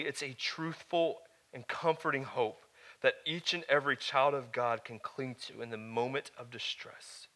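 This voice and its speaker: Bright-voiced male pastor preaching. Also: mid-range voice. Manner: conversational preaching with joking asides, swinging from hushed to loud. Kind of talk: sermon to a live congregation.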